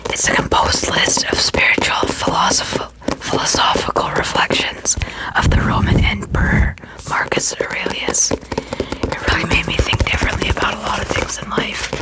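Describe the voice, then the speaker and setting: An ASMR creator talks through books entirely in a whisper. The voice is breathy and unvoiced. Phrases are sometimes repeated for effect. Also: mid-range voice, steady tone, normal speed, low-quality recording.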